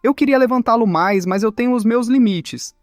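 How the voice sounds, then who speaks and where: A man's voice: very high voice, moderate pace, dry recording, clean studio sound, soft background music. A man voicing a teasing young woman with brute strength, mock-sweet and playful.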